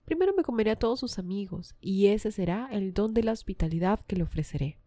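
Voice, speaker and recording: A woman's voice: medium pitch, lively intonation, fast, mellow, dry recording, close to an everyday voice. Polyphemus, a woman doing a gloating giant. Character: huge one-eyed male giant, crude and cruel.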